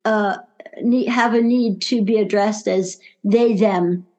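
A woman's voice: medium pitch, fairly even intonation, takes it slowly, darkish tone, rough recording. A woman with a New York accent, a language coach speaking as a guest in a casual interview, explaining things earnestly in careful phrases.

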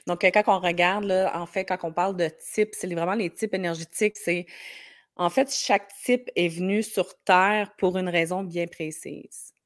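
Gravelly, lower-pitched Quebec woman with a cold. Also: moderate pace, no echo, studio quality. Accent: Quebec French. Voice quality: hoarse, gravelly voice. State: slight head cold starting. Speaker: podcast guest, marketing strategist. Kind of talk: conversational interview, explaining.

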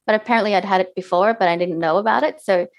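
A woman's voice: mid-range voice, quick pace. A young woman, a life coach, telling a personal story in an interview, earnest and often laughing. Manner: earnest, laughs often, acts out her past self.

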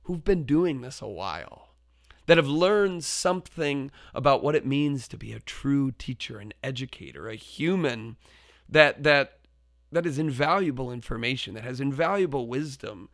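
A man of medium pitch with lively intonation talks at normal speed on a dry, studio-quality recording. As a teacher and podcast host, he shares a classroom story earnestly and reflectively, often restarting phrases, and works up to loud, forceful quoted shouts.

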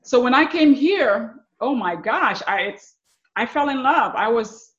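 A woman from Haiti, a success coach, telling her life story as a guest in an interview, laughing often and pausing with fillers. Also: on the high side, expressive, highs cut off. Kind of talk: interview conversation.

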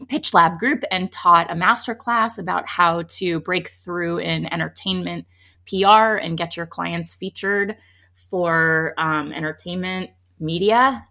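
A woman hosts an upbeat podcast, moving from a conversational intro into an interview. Her fairly low voice is bright and forward but crackles with fry and sounds a little scratchy, as if she's under the weather, though she stays chatty, effusive and emphatic.

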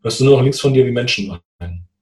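A man in a casual conversation, telling a personal story in a lively way and acting out what people said. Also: medium pitch, fast, reverberant. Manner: animated, acts out quoted dialogue. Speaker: guest telling his story.

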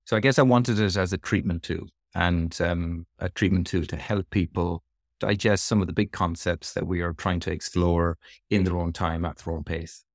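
A middle-aged man from the west of Ireland speaks with that region's accent in a low voice. He answers interview questions in a reflective, explanatory way. The sound is dry, with very little room in it. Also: fairly even intonation, normal speed, no room sound. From Sligo, west of Ireland. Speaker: interview guest, physiotherapist.

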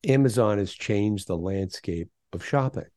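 A man's voice: fairly low pitch, normal speed, warm tone, no echo, studio quality. A middle-aged man, a guest on a podcast interview, speaking emphatically and firing off rhetorical questions. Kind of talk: conversational interview.

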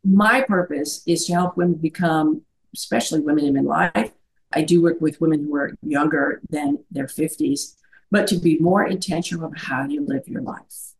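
The low-pitched voice of a middle-aged life coach comes through a low-quality recording of a conversational video-call interview. She moves at a moderate pace, earnest, often checking in with "right?".

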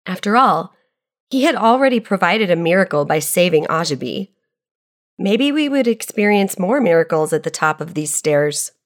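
A woman reading a reflective devotional aloud, tying scripture to her own story in an earnest, measured way. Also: lowish voice, animated.

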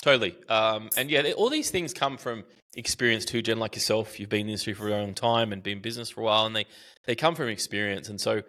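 Low-ish and quick, with a sharp edge, the voice belongs to a middle-aged Australian man appearing as a podcast guest. He teaches marketing and tells lively, casual stories, often restarting and filling pauses.

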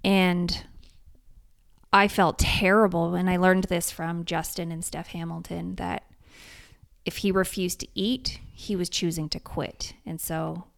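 A woman with a low, gravelly voice talks in a casual podcast chat. She tells her story earnestly and with feeling, with plenty of fillers along the way. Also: little pitch movement, measured pace. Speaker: podcast co-host, race crew lead.

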